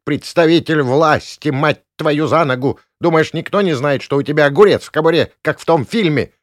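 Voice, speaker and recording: A man voices a hulking village woman with huge work-worn hands, loud and bossy. She shrieks high and coarse, pitched well above the reader's own voice, in a dry close recording. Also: moderate pace, dry recording, close to an everyday voice. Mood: yelling, accusing. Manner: shrieking, abusive, coarse peasant speech. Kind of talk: audiobook character voice.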